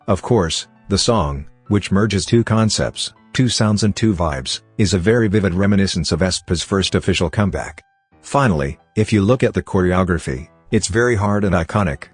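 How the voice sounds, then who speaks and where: A synthetic text-to-speech male voice reading a scripted music commentary for a vlog in an even, machine-like delivery. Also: deep voice, no echo. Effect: text-to-speech robot voice. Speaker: channel host.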